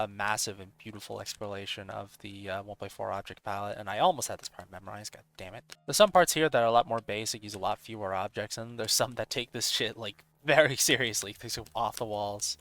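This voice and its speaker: Excitable man commentating gameplay. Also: on the low side. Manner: excitable, swears, laid-back surfer-bro slang. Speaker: gaming video host.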